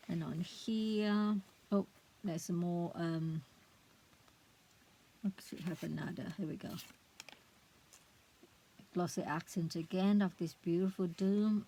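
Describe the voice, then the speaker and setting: A woman's voice: lowish voice, vocal fry, dark tone, a little hiss or hum, rough recording. A middle-aged woman, a craft vlogger, chatting casually as she shows a handmade book, often hesitant and searching for words.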